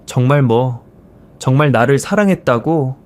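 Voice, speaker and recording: A man voicing a furious elderly grandfather, a retired teacher who shouts and scolds. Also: medium pitch, animated, a little slow, close to an everyday voice. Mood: enraged.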